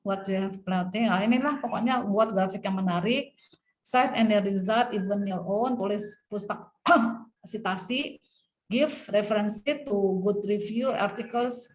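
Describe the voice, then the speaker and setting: A middle-aged woman lecturing a university class, reading English slide points slowly and then explaining them in lively, conversational talk. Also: medium pitch, low-quality recording. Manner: animated, reads English slides slowly then explains, acts out students' replies.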